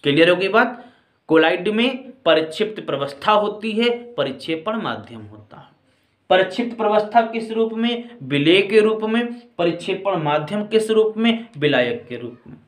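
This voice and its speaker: A man teaching chemistry in a lecture, explaining step by step, calling his students children and often asking whether everything is clear. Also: high voice, sing-song, normal speed. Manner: addresses students as children and friends. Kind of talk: classroom-style lecture. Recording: echoey room.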